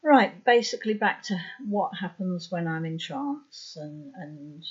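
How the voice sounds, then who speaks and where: A woman's voice: lowish voice, expressive, breathy edge. A woman in her fifties with a sore throat, a trance medium explaining her work to camera, hesitant with many fillers. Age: 50s. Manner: slow and hesitant, many ums and uhs. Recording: dull lo-fi sound.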